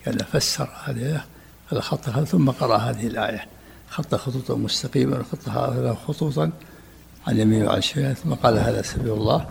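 A man leads a study session, talking fast in a deeply gravelly, creaky voice. He explains the text and cuts in on the reader with brisk, short prompts. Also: slight background noise. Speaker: teacher leading a study session. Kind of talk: explaining and directing a text reading.

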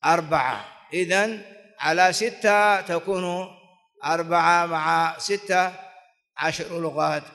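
A man teaches classical grammar in a rather high voice. He goes over each example form again and again and chants lines of old verse. His voice rings on in the long echo of a large hall. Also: slow pace, pauses often, sharp tone. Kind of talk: classical grammar lesson, explaining and reciting verse.

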